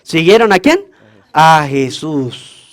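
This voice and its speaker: A man's voice: fairly high pitch, big pitch swings, slow, dry recording. A man, a priest, preaching a homily at Mass, asking the congregation questions and answering them himself. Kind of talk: call-and-response homily at Mass.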